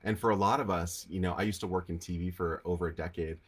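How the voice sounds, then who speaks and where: Low-voiced, nasal Rhode Island man. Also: steady tone, quick pace, slightly rough. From Rhode Island, United States. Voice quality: nasal, congested. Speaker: host of a live Q&A. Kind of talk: casual spiritual teaching, answering viewer questions. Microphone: on camera with lighting setup.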